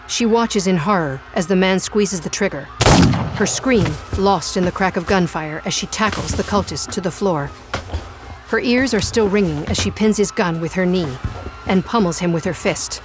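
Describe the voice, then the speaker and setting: A woman giving measured, suspenseful scripted narration for an audio drama. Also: on the low side.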